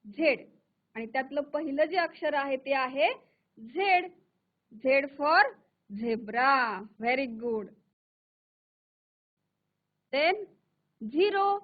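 A woman teaching English to young children, speaking slowly and patiently, asking questions and praising the class. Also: sits high, expressive. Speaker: primary school English teacher. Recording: tinny phone-like audio.

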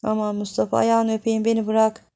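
A woman voicing a frightened young village wife who pleads in a hushed, frantic way. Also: fairly high pitch, completely flat delivery, brisk, creaky, clear, resonant tone, pitched above the performer's own voice. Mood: pleading.

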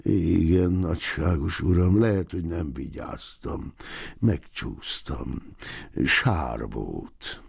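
Man voicing a humble old ox driver, low and gravelly. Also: no room sound, exaggerated voice. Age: 70s figure. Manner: humble, murmuring, pleading. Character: frail old male ox driver, humble and resigned.

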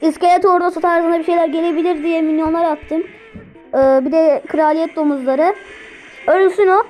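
A woman giving live gameplay commentary, excitable, talking to herself and repeating words as she plays. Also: very high voice, normal speed, faint music behind, rough recording. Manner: excitable, talks to herself while playing. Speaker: gameplay streamer.

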